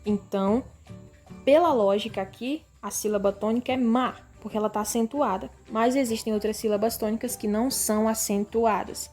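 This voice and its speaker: A woman's voice: a little high, steady tone, a little mellow, faint music behind. Brazilian woman teaching a grade-school lesson. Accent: Brazilian Portuguese. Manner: slow, stretched-out word readings for pupils; addresses class as "pessoal".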